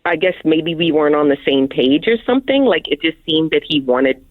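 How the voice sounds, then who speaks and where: A woman's voice: sits low, expressive, no echo. Woman on a tinny phone line. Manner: hesitant, halting with restarts. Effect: heard over a phone line. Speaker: radio show phone guest. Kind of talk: casual phone conversation.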